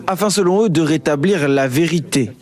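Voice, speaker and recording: A male TV reporter reading a scripted news voice-over in a measured, drawling way. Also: fairly high pitch.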